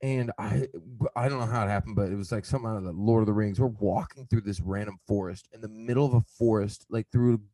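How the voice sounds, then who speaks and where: A man's voice: on the low side, fast talker, few pauses, mellow, no room sound. A man from the American South chatting casually, telling stories animatedly, swearing freely and acting out quotes. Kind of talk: casual chat.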